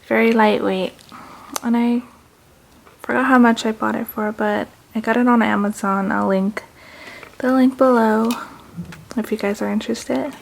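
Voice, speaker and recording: A woman with a slight lisp from wearing retainers, chatting casually and excitedly to viewers in an unboxing vlog. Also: on the high side, measured pace, vocal fry, long pauses, slight background noise. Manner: informal, excited, addressing viewers as guys. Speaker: vlogger.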